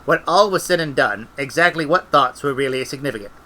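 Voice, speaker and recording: Middle-aged male reader, bright voice, animated comic narration. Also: mid-range voice, fairly quick, rough recording. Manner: lively, expressive storytelling. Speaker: audiobook reader. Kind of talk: comic novel reading.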